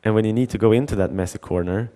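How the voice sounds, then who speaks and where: Racing through his words in a fairly low, mellow voice, a middle-aged man tells a story during a conference talk. He repeats words, restarts often, and acts out the dialogue.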